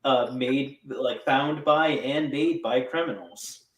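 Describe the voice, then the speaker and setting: A man's voice: medium pitch, slow, crowd noise. Jokey man, roomy and distant. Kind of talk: casual group chat.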